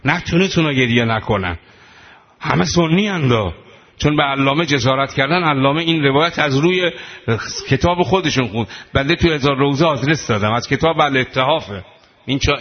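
A man's voice: mid-range voice, dull audio. A man preaching an impassioned mourning sermon, his voice breaking into weeping and wailing.

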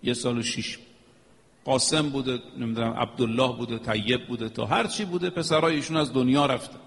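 A man's voice: medium pitch, vocal fry, fairly bright tone. A man preaching a religious sermon, emphatic and rhythmic, chanting Arabic phrases now and then. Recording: long echo of a hall.

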